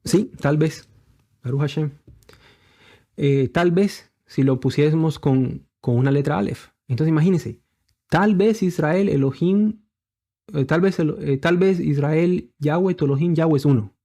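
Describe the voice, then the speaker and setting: A man's voice: fairly high pitch, unhurried, mellow. A man giving a religious lesson, explaining patiently with many fillers and rhetorical questions while pointing to letters on screen. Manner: refers to letters shown on screen. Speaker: bible teacher. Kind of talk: religious teaching.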